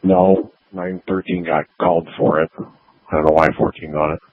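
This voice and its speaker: A man's voice: sits low, little pitch movement, moderate pace, no room sound. A man speaking as an emergency responder in a blunt exchange over a two-way radio. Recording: narrow, phone-like two-way radio.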